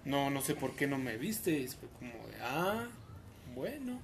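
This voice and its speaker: A man's voice: mid-range voice, sing-song, a little slow, slight background noise. A young man with a Mexican accent, telling slangy stories in a laid-back casual chat with friends. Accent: Mexican Spanish.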